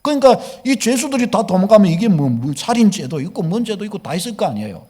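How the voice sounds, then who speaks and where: A man's voice: high-pitched, big pitch swings, fast, warm tone, breathy edge. A male pastor, preaching a sermon and telling the story with questions to the congregation.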